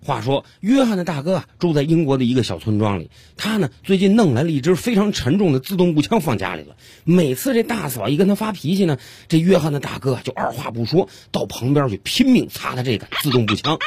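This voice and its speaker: A man's voice: on the high side, very animated, fast, darkish tone, husky, dry recording. A man telling a comic story on a radio show in a storytelling manner. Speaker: comedy narrator. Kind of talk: scripted radio comedy narration.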